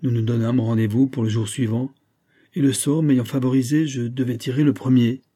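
An old gunsmith worn down by grief tells his own sad story, as a man reads him. His voice is very dark and mellow, with a husky edge, and he speaks in an emotional, confiding way, like a character in a spoken storybook. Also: mid-range voice, fairly even intonation, moderate pace, lightly acted. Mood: sorrowful. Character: grieving old Genevan gunsmith, tender, despairing.

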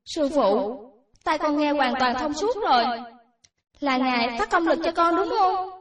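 A woman voicing an excitable, remorseful young female cashier in her twenties. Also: high voice, normal speed, voice pushed up, natural voice. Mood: earnest. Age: 20s. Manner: excitable, exclaiming, pleading. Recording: roomy echo, distant from mic.

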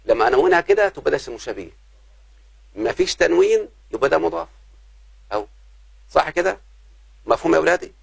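Egyptian male grammar teacher, gravelly husky voice, always quizzing his class, dry sound. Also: fairly high pitch, big pitch swings, fast talker, long pauses, dry recording. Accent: Egyptian Arabic. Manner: keeps checking if students understand.

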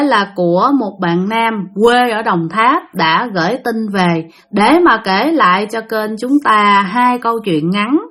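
A woman's voice: a little high, fairly bright tone. Chatty woman storyteller. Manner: chatty, full of filler particles and restarts, addressing listeners. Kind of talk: casual spoken storytelling.

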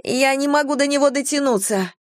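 In a studio-quality recording with no room sound, a woman reads an audiobook, voicing a teasing, wry young woman adventurer in a strained mood. Her natural voice is pitched fairly high, above her own, with lively intonation at a moderate pace.

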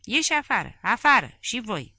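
A woman's voice: deep voice, bright, forceful tone, dry recording. A woman voicing an aging male head of state who barks orders and rants indignantly. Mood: furious. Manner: barking, indignant.

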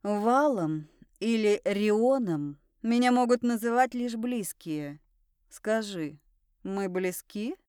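A woman's voice: medium pitch, animated, slow, a little mellow, smooth, no room sound, studio quality. A woman reading an audiobook voices a cocky young man who drawls his lines with irony. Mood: smug. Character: young handsome man, smug and teasing.

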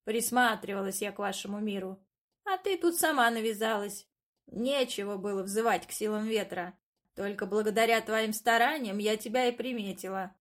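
A woman voicing Baba Yaga, a sly, boastful and touchy old witch, speaking slowly with drawn-out emphasis. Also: mid-range voice, close to an everyday voice. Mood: scheming.

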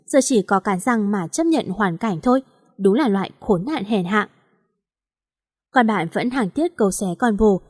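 A woman reading a first-person story aloud in a lively manner, voicing the characters' lines. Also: mid-range voice, no echo, studio quality. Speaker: story reader.

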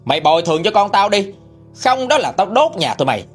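A man voicing a loud-mouthed, abusive middle-aged mother, screaming insults. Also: high voice, very animated, fast talker, slightly rough, faint music behind, voice pushed up, full character voice. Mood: furious.

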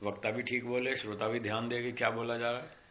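A middle-aged man teaching a class on yoga philosophy, explaining slowly, repeating key terms and acting out the people in his stories. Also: mid-range voice, level tone, muffled recording. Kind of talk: classroom lecture with anecdotes.

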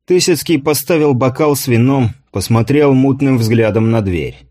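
In a steady storytelling manner, a man narrates an audiobook as scripted narration, his pitch medium and his speed normal.

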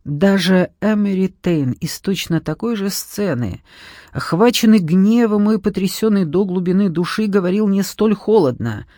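A narrator reading an audiobook in an even, measured way. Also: medium pitch, dry recording, studio quality. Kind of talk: scripted narration.

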